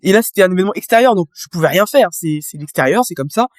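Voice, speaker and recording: A woman's voice: lowish voice, animated, fast talker, dry recording, studio quality. A woman guest in a casual interview, explaining her experience with vivid images and talking straight to the listener. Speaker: guest, business coach.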